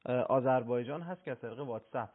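A male host runs a radio call-in program with formal, courteous phrasing. His voice has a mid-range pitch and a narrow, lo-fi broadcast sound. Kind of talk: hosting a call-in show.

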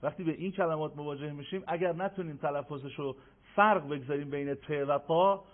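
A man teaching Quran recitation in an online lesson, slowly drilling letter sounds for listeners to repeat. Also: on the high side. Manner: slow, emphatic drilling of sounds for repetition. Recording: tinny phone-like audio.

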